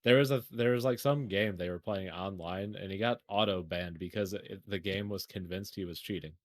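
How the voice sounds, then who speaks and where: A man's voice: low voice, moderate pace, no echo. A man co-hosting a podcast, joking and laughing often in casual banter about video games. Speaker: podcast co-host.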